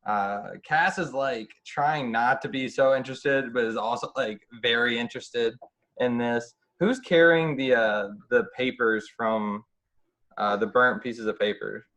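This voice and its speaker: Male GM, mid-range voice, relaxed and halting narration. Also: mid-range voice. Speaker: game master. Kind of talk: narrating a tabletop game.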